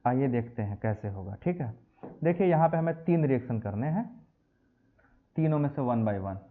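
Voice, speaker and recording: A man's voice: medium pitch, normal speed. A man teaching a chemistry lecture to students, calling them beta and mixing English phrases into his explanation. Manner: lively, addresses students as beta and bachche. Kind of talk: classroom lecture. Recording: tinny phone-like audio.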